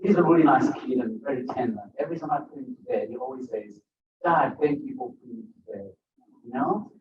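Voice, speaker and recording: A Ugandan author, not a first-language English speaker, talks a little fast in a medium-pitched voice while joking with listeners at a bookstore event. Slight background noise sits in the roomy, distant, dull recording.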